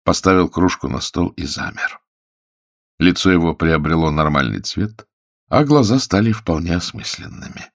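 A man reading an audiobook aloud in steady, measured narration. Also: sits low, dry recording, clean studio sound. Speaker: audiobook reader. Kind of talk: scripted narration.

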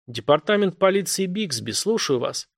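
A man voicing a harried police officer working the phones, brisk and firm, trying to reassure callers. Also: high-pitched, expressive, vocal fry, voice pushed up, heavily acted. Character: harried male police dispatcher, calm but pressed.

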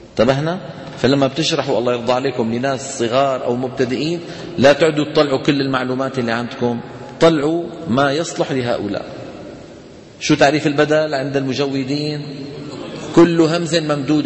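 Levantine teacher in an echoey hall. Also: male voice, medium pitch, slight background noise. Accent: Levantine Arabic. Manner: conversational, asks students rhetorical questions; chants Quranic examples slowly. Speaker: Quran recitation teacher. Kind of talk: classroom lesson on tajweed.

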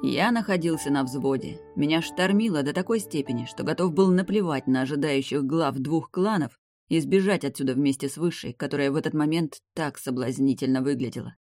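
An audiobook reader giving slow, measured first-person fantasy narration. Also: mid-range voice, darkish tone, faint music behind.

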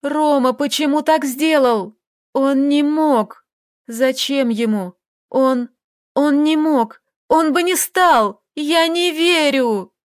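A woman reading an audiobook, voicing a desperate young woman with a hoarse, raised voice. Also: high voice, takes it slowly, dry recording, studio quality, pitched above the performer's own voice.

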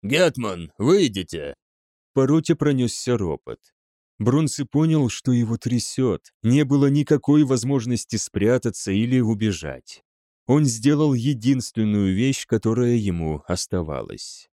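Man, audiobook narrator, lively pitch, mellow voice, dry close recording. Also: measured pace, no echo. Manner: lively, acting out dialogue.

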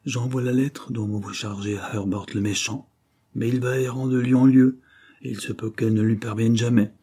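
A man's voice: medium pitch, steady tone, moderate pace, mellow, breathy edge. A man voicing a distraught, vehement dying woman. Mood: pleading, intense. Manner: vehement, breaks into angry outbursts. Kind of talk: audiobook character reading.

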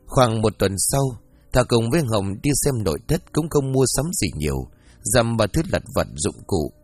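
Lively male storyteller, low voice. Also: moderate pace, dry recording, soft background music. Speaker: narrator. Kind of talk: storytelling audiobook narration.

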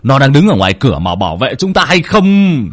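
A man voicing a panicked middle-aged man who pleads and shouts in alarm as he fends off a demon. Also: mid-range voice, big pitch swings, brisk, pitched above the performer's own voice. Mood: angry insistence.

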